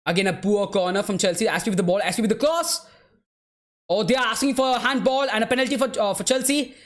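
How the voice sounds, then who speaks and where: A man's voice: high-pitched, quick pace. A man hosting a live football watchalong, calling the play and chatting casually with viewers, calling them "bro" and "man" and laughing easily. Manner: laughs easily while answering chat. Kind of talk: live match commentary and chat replies.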